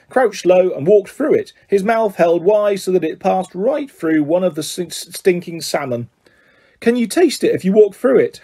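Guy reading a kids book out loud, highish husky voice, really into it. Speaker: reader. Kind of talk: reading a children's novel aloud.

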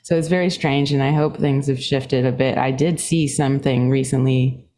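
Her pitch bounces upward as she talks, and she laughs often while telling stories as a guest musician on a podcast. The Singapore-born woman speaks at normal speed with an animated energy.

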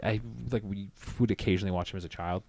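A man's voice: low-pitched, fairly even intonation, racing, darkish tone, no room sound. A man in his twenties co-hosting a podcast, joking crudely, swearing and laughing often. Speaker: podcast co-host. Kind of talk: crude casual banter.

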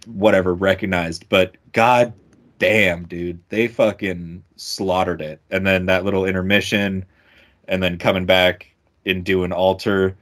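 Low-voiced man gushing about a concert. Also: measured pace. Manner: excitable, swears a lot, stumbles over words. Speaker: podcast co-host. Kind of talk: casual music podcast chat.

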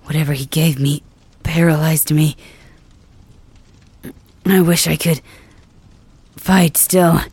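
A woman's voice: low-pitched, steady tone, slow, long pauses, darkish tone, slightly rough, no room sound, heavily acted. A woman voicing a proud young warrior leader who lies wounded and paralyzed, talking in a weary, half-whispered, drowsy way in an ASMR roleplay. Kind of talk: ASMR roleplay audio drama.

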